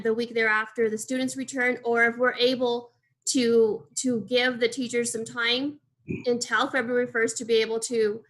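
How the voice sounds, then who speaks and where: A woman trustee puts a formal question to a school board, repeating words as she speaks. Her voice is fairly high and bright, with a flat, even contour. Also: poor audio. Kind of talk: board meeting discussion.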